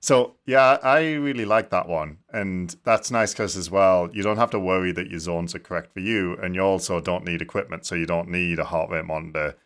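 A man with a very low voice hosting a casual podcast. He asks questions with curiosity and laughs easily, keeping the talk chatty. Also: normal speed, few pauses, fairly bright tone. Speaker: podcast host.

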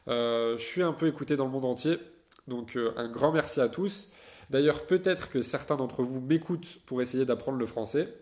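A young Frenchman hosts his own solo podcast, talking in a loose, chatty way full of hesitations and restarts. His voice is medium in pitch with a darkish tone.

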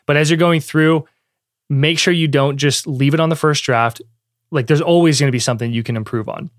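A man's voice: mid-range voice, no echo, clean studio sound. A young adult man giving a casual, conversational teaching talk, with frequent fillers and restarts. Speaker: online business teacher.

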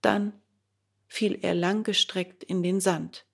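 A woman narrating a children's storybook in a steady, plain reading voice. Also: mid-range voice, slow pace, gravelly, breathy edge.

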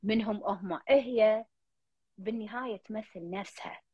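A woman's voice: mid-range voice, moderate pace, mellow, slightly rough, dry recording. A woman host with a Gulf Arabic accent counseling a caller in earnest, repetitive talk, slipping English fillers in. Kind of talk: counseling call-in chat. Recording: dull lo-fi dry sound.

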